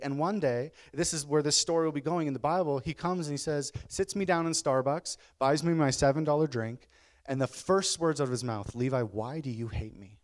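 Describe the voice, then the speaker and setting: A man in his thirties, a pastor preaching a sermon in his church, telling personal stories candidly and building to emphatic bursts. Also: on the high side. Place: church sanctuary.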